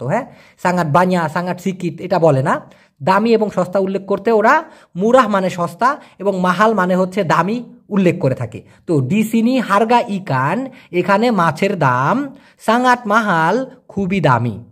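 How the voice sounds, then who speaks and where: A man teaching as a language teacher, answering viewer questions and explaining step by step, often checking that listeners follow. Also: sits high.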